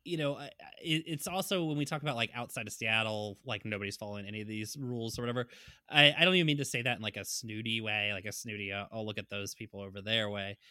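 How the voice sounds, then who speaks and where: A man's voice: lowish voice, quick pace, pushed and bright, no room sound, studio quality. A man co-hosting a casual political chat podcast, rambling and chuckling through his points. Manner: rambling, chuckling, many fillers. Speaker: podcast co-host.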